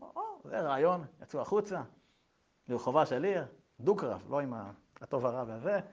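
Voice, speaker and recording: A man preaching a sermon, telling a story in a lively way with colloquial asides. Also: mid-range voice, lo-fi sound.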